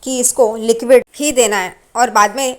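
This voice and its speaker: A gentle, patient young daughter-in-law explains calmly to her elders, voiced by a woman recapping a serial. The voice is high and even. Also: moderate pace, close to an everyday voice.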